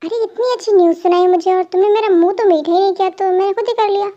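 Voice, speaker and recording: A woman's voice: very high voice, quick pace, dark tone, dull audio. A woman voicing a playful, apologetic young husband who is a police officer, in an amateur fan dub. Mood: coaxing. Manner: coaxing, playful pleading.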